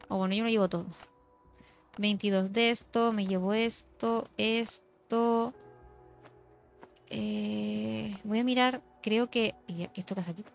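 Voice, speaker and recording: A young woman streamer, her voice on the high side with vocal fry, chats casually and mutters to herself as she plays a game. Now and then she drops into a mock ASMR hush. The sound is slightly dull, with faint music behind her.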